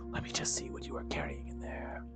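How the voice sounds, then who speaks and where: A man's voice: loud music behind the voice, close to an everyday voice. Man whispering as a scornful alien empress, whispered role-play. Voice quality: hushed whisper. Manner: slow, mocking, contemptuous. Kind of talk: whispered role-play reading game dialogue.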